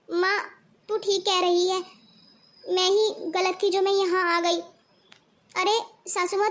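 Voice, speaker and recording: Woman doing a bossy spoiled young daughter, very high voice, cartoon. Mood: remorseful. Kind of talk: cartoon voice acting.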